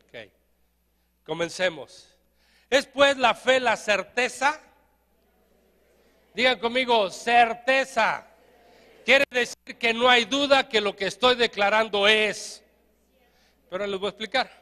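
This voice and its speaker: A Mexican-accented man preaches in a very high, bright voice, animated and jokey. He keeps getting the congregation to repeat lines back to him. The sound carries a long church-hall reverb. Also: unhurried, pauses often. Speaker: pastor. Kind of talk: lively sermon.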